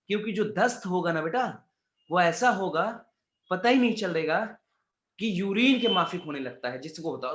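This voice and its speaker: A man's voice: sits high, sharp tone. A man teaching an exam-prep class in a casual, chatty way, calling students "beta" and tossing in jokes and asides. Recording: echoey room, slightly dull sound.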